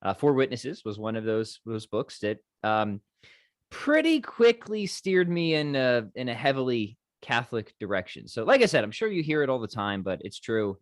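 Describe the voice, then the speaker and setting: A man's voice: mid-range voice, very animated, moderate pace, dry recording, clean studio sound. An American man hosting a podcast, chatting informally and thinking aloud as he interviews. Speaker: podcast host. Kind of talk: casual chat, interviewing.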